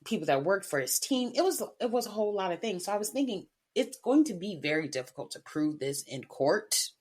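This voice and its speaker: A woman co-hosting a podcast in casual, animated chat, laughing often. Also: mid-range voice, a little fast, slightly rough. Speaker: podcast co-host.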